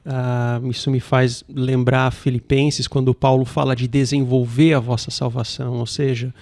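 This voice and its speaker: A man from Brazil, a pastor explaining ideas in a measured way and asking rhetorical questions. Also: mid-range voice, level tone, darkish tone. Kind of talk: casual chat.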